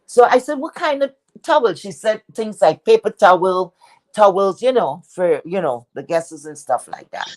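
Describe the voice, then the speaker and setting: A woman's voice: on the low side, normal speed, dry recording. A woman telling a personal story on a livestream video call, acting out the quoted dialogue. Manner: animated, acts out quoted dialogue. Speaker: guest storyteller.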